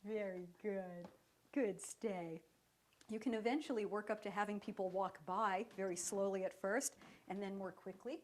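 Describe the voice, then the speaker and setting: A woman dog trainer giving a step-by-step lesson, speaking in a calm, even voice while she works with a dog. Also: mid-range voice, a little fast. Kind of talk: instructional demonstration.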